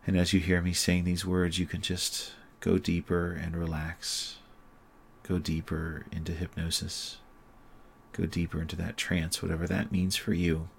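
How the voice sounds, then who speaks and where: Deep voiced guy doing sleep hypnosis, slow soothing repeats, pretty monotone. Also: creaky, slight background noise.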